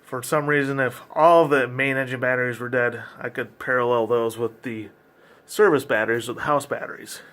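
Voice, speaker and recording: A man's voice: medium pitch, steady tone, moderate pace, fairly bright tone. A man giving an informal, hands-on explanatory tour in a yacht engine room, speaking in a practical, matter-of-fact way as a member of the boat's crew. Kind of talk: informal explanatory walk-through.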